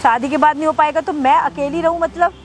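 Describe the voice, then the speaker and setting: A woman's voice: high voice, fairly even intonation, fast, slight background noise, lightly acted. A middle-aged woman playing a lonely mother, weary and reproachful. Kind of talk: scripted social drama skit.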